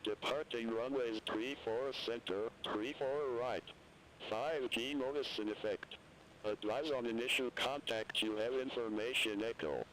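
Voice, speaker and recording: A man's voice reading an automated airport weather broadcast in a flat, even, formulaic way. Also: mid-range voice, unhurried, slight background noise, low-quality recording. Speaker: airport information service voice.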